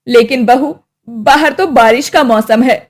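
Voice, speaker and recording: A woman voicing a meek, gentle old mother-in-law in a storybook tale, speaking softly and pleadingly. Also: a little high, measured pace. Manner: soft, pleading.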